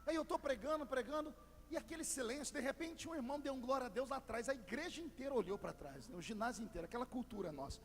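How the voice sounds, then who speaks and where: A Brazilian pastor preaching a Pentecostal sermon, telling a story and building into shouted crescendos, in a large church hall. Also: male voice, very high-pitched, lively intonation, fast talker. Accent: Brazilian Portuguese. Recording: long hall reverb with faint music.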